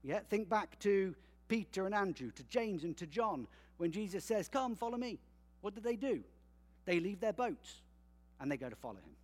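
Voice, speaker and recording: Guy preaching, chatty and animated, keeps asking okay?, big echoey church sound. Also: high voice, normal speed. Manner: conversational, animated, frequent "okay?" check-ins. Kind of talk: sermon. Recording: long hall reverb.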